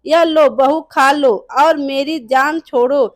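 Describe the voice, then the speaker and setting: A woman's voice: high-pitched, fairly even intonation, slow pace, no room sound, clean studio sound. A woman voicing a bossy, harsh mother-in-law who scolds impatiently in a storybook tale. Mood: scolding.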